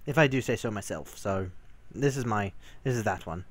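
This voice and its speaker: Chatting with a friend while they play a co-op zombie game, a man jokes, rambles and laughs often as casual gameplay commentary. His voice is fairly low and moves at a moderate pace.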